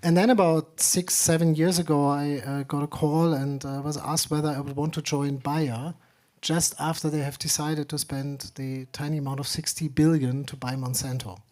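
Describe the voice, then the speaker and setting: A man's voice: on the high side, level tone, moderate pace, darkish tone. A middle-aged man from Germany, speaking on a conference panel with many fillers and dry humor. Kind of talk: panel discussion.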